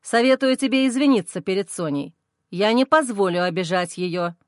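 A woman's voice: medium pitch, animated, moderate pace, dry recording, clean studio sound, voice pushed down, close to an everyday voice. A woman voicing a stern, commanding man in an audiobook, speaking in a harsh, metallic tone. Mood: cold. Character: stern commanding man, protective older brother.

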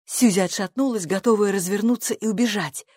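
A woman reading a children's storybook aloud in a steady, scripted narration with a mid-range voice. The recording is dry and close, with no room sound. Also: mid-range voice, brisk, breathy edge, dry recording.

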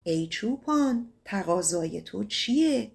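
A woman voicing the moon in a folk tale, speaking in a calm, lower voice as she gives directions. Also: creaky. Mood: calm guiding. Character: wise moon, vizier of the fair ones.

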